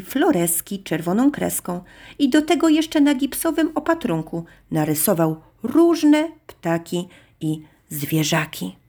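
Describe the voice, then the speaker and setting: A woman narrating a children's story in an expressive, sing-song manner. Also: lowish voice.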